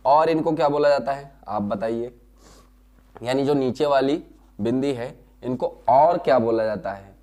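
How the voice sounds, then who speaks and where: A man's voice: medium pitch, warm tone. Man teaching, sounding out syllables. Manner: explains slowly, repeats key terms and answers his own questions. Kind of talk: classroom lesson.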